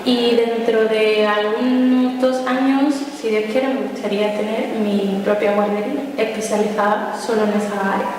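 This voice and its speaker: A young woman from the Dominican Republic speaks as a student at a panel, her voice flat and even. She pauses often on fillers and restarts. The sound comes from far off in a large, strongly echoing hall with a long reverb. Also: a little high, music in the background. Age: 20s. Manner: hesitant, many fillers and restarts. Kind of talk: prepared personal statement. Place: large hall at a round-table event. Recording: echoey hall, distant mic.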